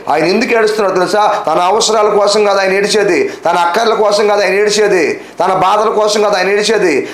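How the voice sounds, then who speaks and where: A man preaching a sermon as pastor, firing repeated rhetorical questions at his listeners and slowing down, low and soft, on key words. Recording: echoey room.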